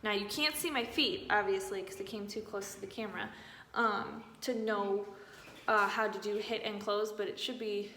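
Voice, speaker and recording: Female marching instructor, mid-pitched, parade-commander style commands and counts amid casual explanation; heavily echoing room with faint noise. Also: fairly even intonation, moderate pace, sharp tone. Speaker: marching band drill instructor. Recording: very echoey room, far from mic, faint noise.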